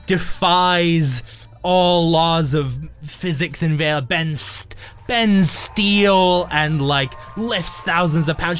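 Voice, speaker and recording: Higher-voiced man narrating as game master. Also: a bit bright. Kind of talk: improvised tabletop game narration. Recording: faint music behind.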